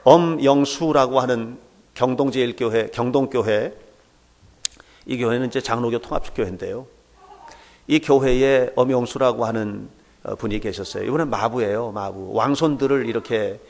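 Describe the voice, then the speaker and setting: A man's voice: medium pitch, normal speed, gravelly. A man preaching a sermon as pastor, asking the congregation rhetorical questions and acting out the dialogue in his stories. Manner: acts out quoted dialogue in anecdotes.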